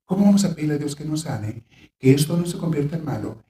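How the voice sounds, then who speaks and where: A man speaking as a faith-based counselor, his pitch rising and falling with lively expression. He moves from dramatic outbursts to soft reassurance. His voice sits a little away from the mic in a roomy, echoing space. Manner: animated, acts out panicked reactions in quick bursts; gentle, reassuring when voicing comfort. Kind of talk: reflective talk giving advice. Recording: roomy sound, voice from a distance.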